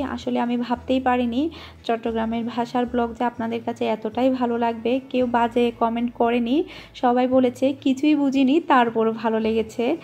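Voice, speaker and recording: This cooking vlog has a Bangladeshi woman talking casually in her home kitchen, rambling homely chatter with frequent fillers. She speaks with a higher voice and a darkish tone.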